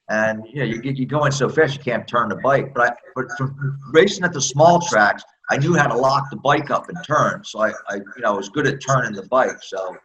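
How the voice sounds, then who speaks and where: A man's voice: medium pitch, poor audio. A man in his sixties with an American accent, a former speedway rider telling candid, self-deprecating stories in a casual interview.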